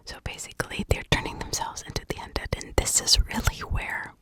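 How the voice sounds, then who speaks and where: A woman recounts a true crime story in ASMR style, using a breathy whisper. She speaks in short, halting phrases broken up by pauses.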